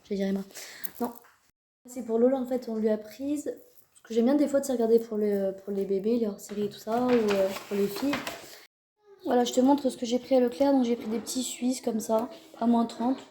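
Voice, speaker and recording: A woman's voice: on the high side, steady tone, fairly quick, mellow, slight background noise. A young woman rambling through a casual family vlog, with lots of fillers and self-corrections. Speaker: mother vlogging her family day. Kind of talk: casual chat to the camera.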